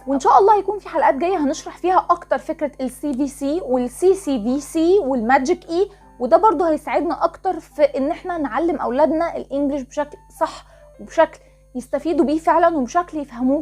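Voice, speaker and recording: Quick, high-voiced Egyptian woman teaching phonics. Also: lively intonation, darkish tone, faint music behind. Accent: Egyptian Arabic. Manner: explains step by step, sounding out letters slowly. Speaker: channel host teaching phonics to parents. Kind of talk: instructional talk to parents.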